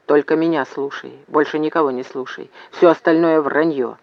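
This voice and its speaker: A man voicing a stubborn, commanding young man in battle, who shouts urgently in a slightly muffled, dry recording. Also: a little high, steady tone, normal speed, no room sound, lightly acted.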